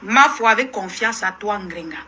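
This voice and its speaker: A woman's voice: medium pitch, expressive, moderate pace, sharp tone, slight background noise. A woman with a Cameroonian French accent hosting a live stream. She scolds her viewers and repeats herself in a combative rant. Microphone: phone live stream.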